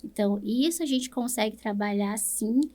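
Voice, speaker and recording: This Brazilian-accented speech therapist patiently walks through explanations in an interview, tacking "né?" onto her phrases as a check-in tag question. Her voice is fairly high yet dark in tone, at a moderate pace.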